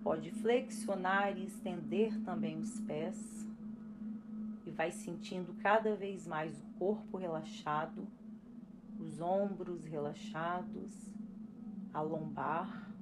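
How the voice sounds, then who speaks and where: A Brazilian woman calmly leading a guided breathing and relaxation exercise with unhurried pauses, as an instructor. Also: on the low side, very noisy. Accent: Brazilian Portuguese. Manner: slow, calm, instructing with pauses. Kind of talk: guided relaxation for expectant parents. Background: music.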